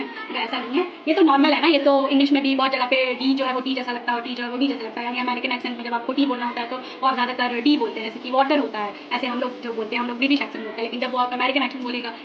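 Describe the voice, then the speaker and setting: A high-pitched woman talks through a language lesson in a chatty, patient way, often dropping English words into her sentences. The recording is a little dull and lo-fi, with faint hiss underneath. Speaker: language tutor. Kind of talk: casual spoken lesson.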